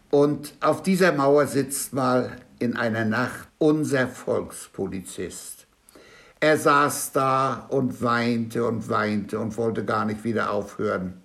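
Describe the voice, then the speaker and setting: A man, a reciter of dialect poems and jokes, answering interview questions and telling a joke in a measured way with hesitant fillers. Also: medium pitch, creaky, fairly bright tone.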